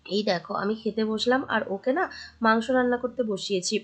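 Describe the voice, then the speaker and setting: A young woman narrates her day in a chatty vlog voice-over, speaking straight to her viewers. Her voice is hoarse and sits a little high. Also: a little fast. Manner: chatty, addresses viewers directly. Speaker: vlogger.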